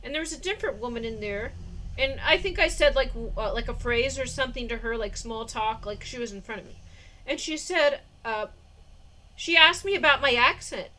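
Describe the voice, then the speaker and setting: A fortyish woman vlogs her day in a loose, rambling way, peppered with fillers and laughs. She talks briskly at a fairly high pitch with a pushed, bright quality, and the rough recording was made indoors using a phone or camera mic.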